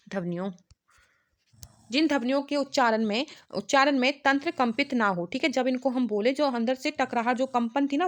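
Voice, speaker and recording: A young woman teaching an exam-prep lesson, repeating every point patiently and spelling out letters slowly, with constant checks like "okay?". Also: on the high side.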